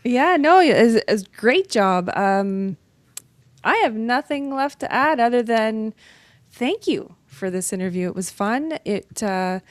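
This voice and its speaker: A woman's voice: a little high, lively intonation, slow pace, no room sound. A middle-aged woman from northern Ontario, a guest author chatting casually and upbeat in an interview. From northern Ontario, Canada. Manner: chatty and upbeat, laughs easily.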